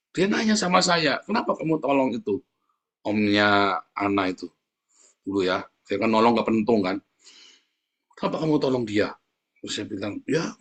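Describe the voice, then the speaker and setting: Male pastor, middle-aged, animated storyteller, bright tone. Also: medium pitch. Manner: casual, animated, acts out dialogue. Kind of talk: conversational sermon.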